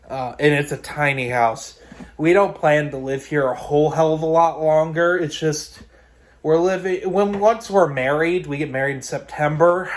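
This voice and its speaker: Slow-paced American man, casually rambling. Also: on the high side. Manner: hesitant, meandering, mildly profane. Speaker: podcast and review channel host. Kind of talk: casual rambling solo chat.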